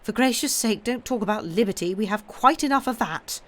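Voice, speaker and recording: A woman's voice: animated, natural voice. A woman playing a fierce, loyal old English companion. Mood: emphatic. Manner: brisk and emphatic, rising high and loud.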